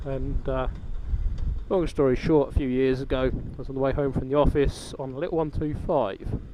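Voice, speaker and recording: A man's voice: mid-range voice, steady tone, normal speed. A British man chatting casually and reflectively inside a helmet while riding a motorbike, as a vlogger thinking aloud. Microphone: microphone inside helmet. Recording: muffled helmet audio, loud wind and engine noise.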